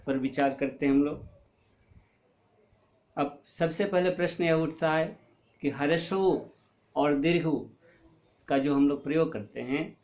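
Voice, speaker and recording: Patient Hindi teacher, slightly high voice. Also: male voice, darkish tone. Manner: explains patiently, asks and answers his own questions; stretches and stresses words to show pronunciation. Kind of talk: online class lesson.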